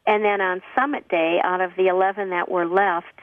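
A guest on a call-in radio show gives relaxed, earnest, plain-spoken interview answers, often restarting her sentences in a husky, slightly low voice roughened by a cough. She speaks briskly with fairly even intonation. Her audio arrives over a tinny phone line, sounding dry, distant from the mic, and free of echo.

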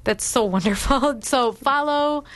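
A woman's voice: sits high, unhurried. A woman co-hosting a public radio pledge drive from a studio, friendly and encouraging as she thanks listeners. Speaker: radio co-host. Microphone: studio microphone.

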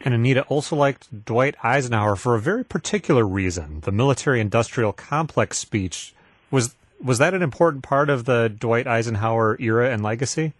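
A man hosting a call-in radio show, moderating calls with a smooth, polished broadcast delivery. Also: medium pitch, animated, fairly quick, no echo.

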